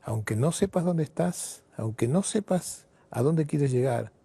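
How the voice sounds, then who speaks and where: A man from Argentina, a therapist and writer telling stories in an interview with emphatic pauses. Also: on the high side, vocal fry, husky, no room sound. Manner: expressive storyteller, emphatic pauses. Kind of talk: storytelling in an interview.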